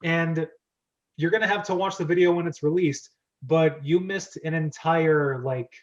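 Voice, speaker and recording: The host of a script-reading club, a man with a slightly high voice, speaks unhurriedly during a casual group chat on a video call. He's talkative, enthusiastic, and prone to rambling. The lo-fi call audio sounds dull, and there's slight background noise.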